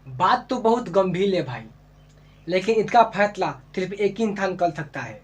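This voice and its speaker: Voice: medium pitch, normal speed, breathy edge. Someone doing a lisping cartoon vegetable peacemaker. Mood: scolding. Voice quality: lisp. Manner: scolding, calming others down. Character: lisping male vegetable mediator, fussy.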